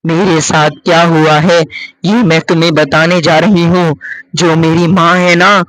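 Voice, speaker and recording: Cartoon: vengeful ghost girl, played by a man, slow and mournful, high voice. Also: little pitch movement, fairly bright tone, dry recording, low-quality recording. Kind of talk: cartoon story voice acting.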